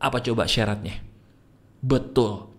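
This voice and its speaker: A man's voice: medium pitch, a little slow. A man giving a motivational talk, teasing and questioning the listener constantly. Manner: animated, keeps firing questions at the listener. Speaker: motivational speaker.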